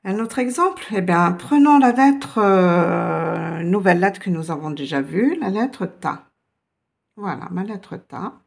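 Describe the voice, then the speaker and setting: A woman's voice: lowish voice, lively intonation, slow pace, creaky. A woman teaching a beginner language lesson, explaining patiently step by step. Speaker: Arabic teacher.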